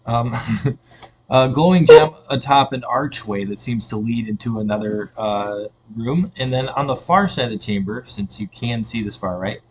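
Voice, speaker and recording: A man's voice: medium pitch, moderate pace, a little hiss or hum. A man narrating an online tabletop game as dungeon master, describing scenes with fillers and self-corrections.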